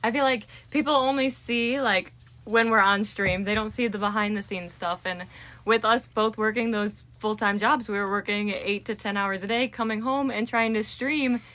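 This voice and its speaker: A woman's voice: mid-range voice, moderate pace, bright, forceful tone. A woman streamer chatting casually with her husband about their awards trip, supportive and chatty. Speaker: live streamer, one of a couple. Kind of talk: casual chat answering follower questions.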